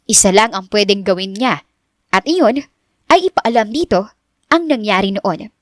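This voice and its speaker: A woman narrating an audiobook story in a steady storytelling manner. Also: medium pitch, normal speed, no echo, clean studio sound.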